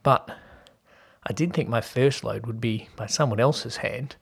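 A man voicing a relaxed, teasing young man, speaking in a low-key, casual way. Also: unhurried, creaky, slightly rough, full character voice.

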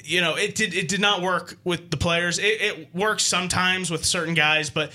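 An American man chats through hockey analysis as a podcast co-host. His voice is bright and a little high for a man, and he often doubles back on words while making a point. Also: steady tone. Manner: halting, repeats words as he explains.

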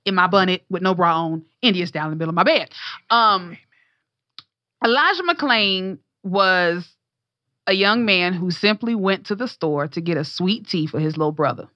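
Bright, dry-voiced outspoken woman. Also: on the low side, animated, moderate pace, no room sound, muffled recording. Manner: passionate, blunt, profane storytelling. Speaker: entertainer. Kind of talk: casual talk show conversation.

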